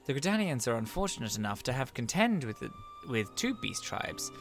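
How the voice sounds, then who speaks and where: Streamer guy as a formal young scholar, read off the screen, bright timbre. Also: mid-range voice, sing-song, brisk, faint music behind. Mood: earnest. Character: earnest young male scholar, read aloud. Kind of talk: reading game dialogue aloud.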